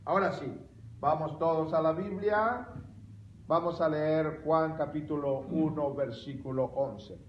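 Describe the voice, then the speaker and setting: A male pastor preaching a sermon, animated and emphatic, with bursts of loud exclamation. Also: a little high, measured pace, roomy sound, highs cut off, a little hiss or hum. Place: church sanctuary.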